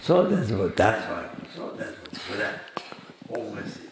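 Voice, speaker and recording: A man teaching Buddhist practice in a slow, halting way with long hums, his not the one he speaks. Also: on the low side, big pitch swings. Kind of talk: dharma teaching in English. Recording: roomy hall sound with faint noise.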